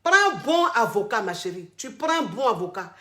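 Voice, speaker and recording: A high-pitched woman talks a caller through her troubles, teasing and dramatic, looping the same phrases again and again. Her voice rings in a noticeably echoey room. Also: very animated, fairly quick, a bit bright. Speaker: host coaching callers. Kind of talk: casual advice call. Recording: roomy echo.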